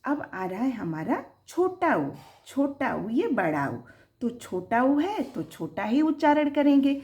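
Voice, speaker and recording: Woman teacher for a children's lesson: slow and drawn-out, lively sing-song pitch, sounding out syllables. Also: lo-fi sound. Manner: sing-song, rising on the example words.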